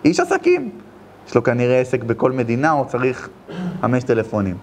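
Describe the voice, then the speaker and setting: A man, a rabbi, giving a sermon full of storytelling, shifting between hushed narration and loud exclamations. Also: medium pitch, wildly swooping pitch, a little hiss or hum. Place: lecture at an event.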